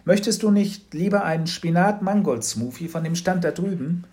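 A man's voice: high voice, moderate pace, voice pushed up, close to an everyday voice. Fussy health-food mum, doting, lifted voice, a man plays her in a children's audiobook. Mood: gently scolding. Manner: doting, gently scolding. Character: fussy health-minded mother.

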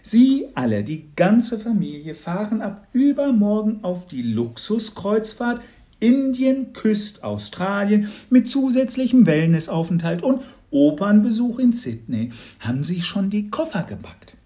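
Over-the-top lottery lady in disguise, shrill and gushing, storybook; male reader. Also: big pitch swings, measured pace, mellow. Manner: effusive, shrill, theatrical.

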